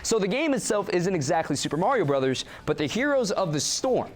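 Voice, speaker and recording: A man's voice: high voice, brisk, slight background noise. A young man co-anchoring a student sports show, reading scripted stories and trading playful banter. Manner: lively, animated delivery with playful ribbing.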